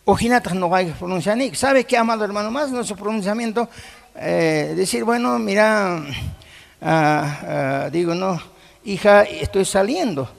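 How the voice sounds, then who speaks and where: A man's voice: high voice, moderate pace, creaky. A middle-aged man preaching a sermon to a congregation, emphatic and often putting questions to his listeners, mixing in Quechua words. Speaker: pastor. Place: church congregation hall. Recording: long hall reverb.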